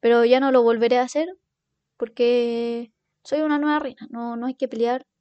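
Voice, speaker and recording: A young woman in her twenties with a Chilean accent, telling stories in a casual, animated monologue and swearing freely. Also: a little high, moderate pace, clear, resonant tone, no echo, muffled recording. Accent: Chilean Spanish. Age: 20s. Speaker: podcast host.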